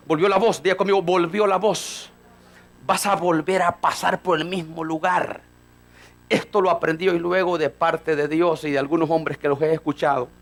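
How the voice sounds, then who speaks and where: Fiery preacher guy, high gravelly voice, yelling at times. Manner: fiery, rising to shouts, acts out voices of Peter and God. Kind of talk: sermon.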